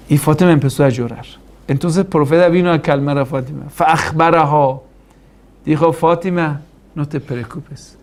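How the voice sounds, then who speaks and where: Guy cleric teaching a class, kinda high voice, throws questions at the room, quotes arabic then explains. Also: darkish tone. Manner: preaching with rhetorical questions and Arabic quotations. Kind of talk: religious lecture.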